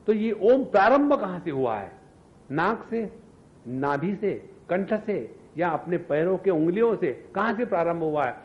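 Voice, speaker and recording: Animated male spiritual teacher. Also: high-pitched, lo-fi sound. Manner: animated, rhetorical questions, chants mantras. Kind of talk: Hindi scripture discourse.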